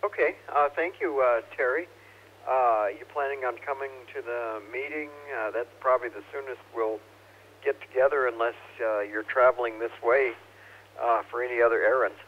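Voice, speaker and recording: A man's voice: medium pitch, normal speed. A man talking casually and politely over amateur radio, somewhat hesitant, in a radio net exchange. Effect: two-way radio. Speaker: amateur radio operator checking in. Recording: muffled two-way radio, hissy hum.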